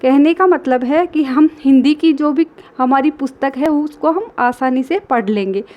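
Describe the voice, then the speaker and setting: A woman teacher giving a reading lesson to children, slowly and patiently sounding out syllables and talking directly to the kids. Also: high-pitched, muffled recording.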